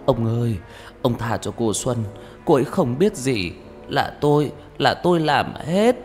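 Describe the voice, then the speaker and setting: A man's voice: medium pitch, expressive, unhurried, a little mellow, close to an everyday voice. Man voicing a tearful old woman begging. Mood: imploring. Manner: tearful, imploring. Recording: reverberant with background music.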